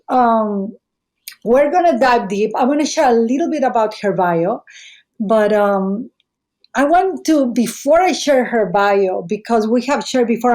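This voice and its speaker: A middle-aged woman, a native Spanish speaker with a Mexican accent, hosts a podcast with a casual, chatty introduction. Her voice is a little high with a dark tone, and she talks effusively and digressively.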